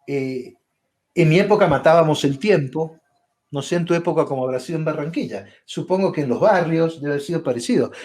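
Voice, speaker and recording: A man's voice: fairly high pitch, darkish tone. A man, a psychologist and author, explaining ideas in conversation with examples and frequent "right?" tag questions. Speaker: psychologist and author interviewing a guest.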